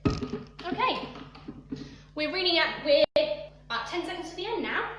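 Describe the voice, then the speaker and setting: A young woman with a high voice teaches a dance routine over a live stream, walking through each move and breaking into counts and sung snippets. She talks at an unhurried pace. Her voice comes from across a very echoey room with a faint hum behind it. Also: expressive, far from the mic. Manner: talks through moves, counting and singing along to the music. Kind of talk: live online dance lesson. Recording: echoey room, voice away from the mic.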